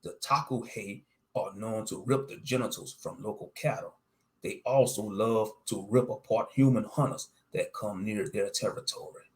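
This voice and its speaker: A man's voice: on the low side, normal speed, a little mellow. A man reading a scripted first-person story as its narrator.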